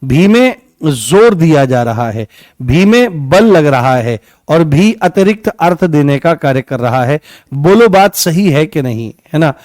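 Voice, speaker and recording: A man's voice: fairly high pitch, lively intonation, unhurried, darkish tone, no room sound, studio quality. A man teaching an online grammar class, repeating key words and asking and answering his own questions.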